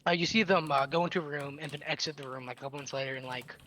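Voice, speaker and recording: A young man narrating as game master of a tabletop role-play, halting with many restarts over voice chat. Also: a little high, steady tone, sharp tone, slight background noise.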